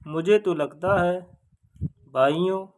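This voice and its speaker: A man's voice: high-pitched, takes it slowly. A man voicing a gossiping, suspicious villager in a folk story, speculating and accusing.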